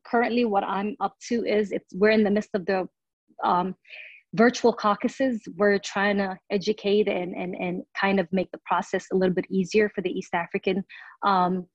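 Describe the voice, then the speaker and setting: A woman's voice: medium pitch, dry recording. A woman in her thirties, from Somalia, answering interview questions as a city council candidate, earnest and full of "um" fillers and restarts. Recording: dull lo-fi audio.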